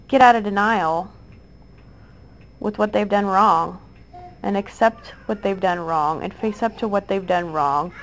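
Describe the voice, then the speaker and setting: A mother in her thirties talks directly to the camera to answer her accusers, aggrieved and insistent, repeating herself with lots of fillers and restarts. Her voice is medium in pitch, and the poor audio carries a little hiss or hum.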